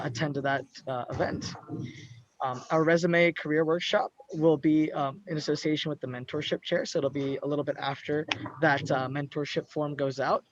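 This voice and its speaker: On muffled video-call audio with slight background noise, a man with a voice on the high side announces a student club's upcoming events. As the officer hosting the meeting, he's loose and casual, dropping many ums and uhs.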